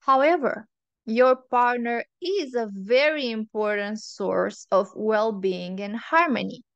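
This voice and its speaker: A woman hosts an advice monologue, earnest and opinionated, working through her points one by one. Her voice sits a little high and sounds smooth and clean. She speaks slowly, recorded close and dry with no room sound. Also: dry recording, lo-fi sound. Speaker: relationship advice host.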